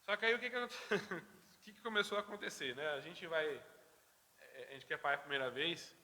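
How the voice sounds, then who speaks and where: A high-pitched man with a very bright, cutting tone teaches a church Sunday school class. He tells his story in a lively way and acts out the dialogue. His voice rings through the long reverb of a church hall. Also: brisk. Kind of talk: anecdote told to a church class.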